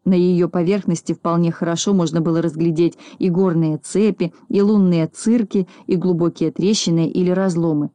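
A woman reads a children's story aloud in a calm, even manner. Her voice is fairly low and mellow. The recording is close and dry. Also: normal speed, hardly any pauses, no echo. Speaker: reader.

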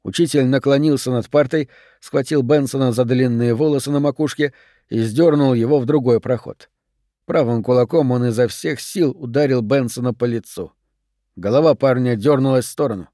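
A man giving scripted audiobook narration in an even, measured reading. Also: medium pitch, dry recording, studio quality.

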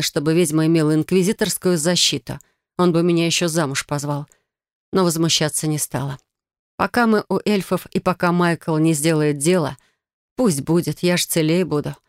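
A woman's voice: low voice, no room sound, clean studio sound. Woman reading a fantasy audiobook. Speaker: audiobook narrator.

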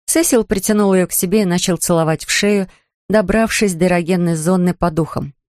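A man narrating an audiobook in an even, measured reading voice. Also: sits high, no echo, clean studio sound. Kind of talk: scripted narration.

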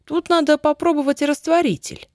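A woman voicing a lively, quick-witted teenage girl who exclaims in a high voice. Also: no room sound, studio quality, lightly acted. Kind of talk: audiobook character reading.

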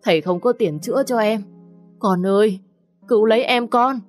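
A woman's voice: mid-range voice, moderate pace, faint music behind, close to an everyday voice. A woman voicing a desperate poor old father who begs through tears with a trembling voice. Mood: pleading. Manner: trembling, sobbing, begging.

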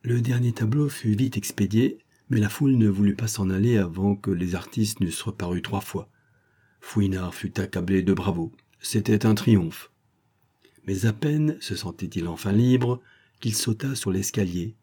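A man narrating an audiobook in a steady, measured storytelling manner. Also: lowish voice, slightly rough. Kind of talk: scripted narration.

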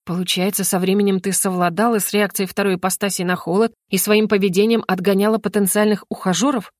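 A woman's voice: medium pitch, fast, dry recording. Woman narrating an audiobook, dry close voice. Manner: expressive first-person reading.

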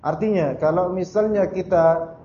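A man's voice: high voice, unhurried. A male Islamic teacher gives a conversational religious study lecture. He quotes Arabic verses, explains them, tags his sentences with "ya" and keeps addressing his listeners as "Pak". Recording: echoey room, dull lo-fi sound.

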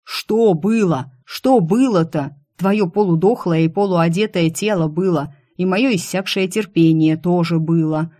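A woman reading an audiobook, voicing a male boss who teases and mocks, sometimes shouting. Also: a little high, moderate pace, natural voice. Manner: mocking, playfully teasing, bursts into yelling. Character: teasing, mocking male boss, quick to shout.

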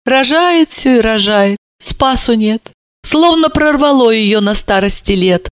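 A woman putting on a shrill hysterical older mother. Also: expressive, unhurried, clean tone, no echo. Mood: indignant. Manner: shrieking, scandalized, dramatic.

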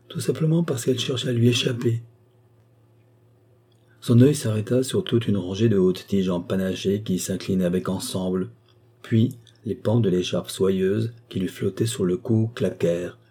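A man narrating an audiobook of a fantastic tale in a measured, even way. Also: fairly low pitch, slightly rough.

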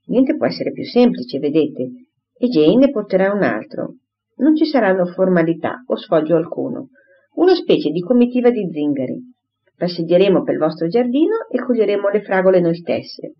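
A woman reading an audiobook, voicing a pompous, bossy married lady who gushes and insists, in a dull lo-fi recording. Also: medium pitch. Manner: gushing, insistent, talks over others.

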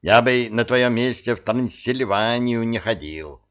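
A man's voice: mid-range voice, lively intonation, measured pace, highs cut off, natural voice. A man voicing a cheeky young male hero who mocks and teases. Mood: mocking. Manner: mocking, teasing.

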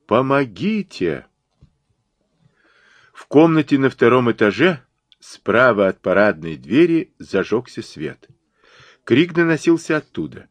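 A man narrating an audiobook in an expressive, dramatic reading, recorded on a close studio mic. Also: medium pitch, measured pace, dry recording. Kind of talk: scripted narration.

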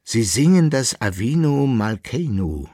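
A man's voice: mid-range voice, big pitch swings, a little slow, warm tone, dry recording, studio quality, voice pushed up. A man voicing a grumpy, fearful old jester. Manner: scolding and fearful. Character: timid, grumpy old male fiddler and jester.

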